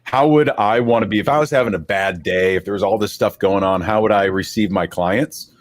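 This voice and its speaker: A man hosts a relaxed podcast chat in a fairly low voice. He talks in an easygoing, rambling way, with good-natured teasing of the people with him. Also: brisk, dry recording. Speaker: podcast host.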